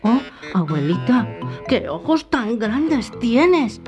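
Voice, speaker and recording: Narrator doing a trusting storybook little girl: high, sweet, slow and wide-eyed. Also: very animated, music in the background. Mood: wondering.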